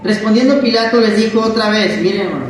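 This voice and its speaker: In a church hall, a man preaches a Bible-study sermon, asking the congregation questions and acting out quotes. His voice is high and fast, captured from far off in a very echoey hall with slight background noise.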